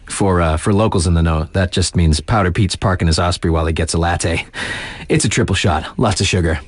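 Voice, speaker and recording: This is a low-pitched, brisk male voice with no echo, belonging to an actor cast as a mellow, wry mountain-town DJ in a video game. He reads fake local news, dropping in casual, slangy deadpan remarks.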